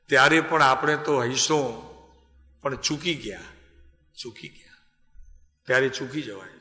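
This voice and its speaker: A man preaching a devotional sermon in a large hall, talking at an unhurried pace with a bright, clear-edged voice. He chats with his listeners and calls on them by name. His voice rings with a long, roomy reverb. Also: medium pitch. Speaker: spiritual teacher.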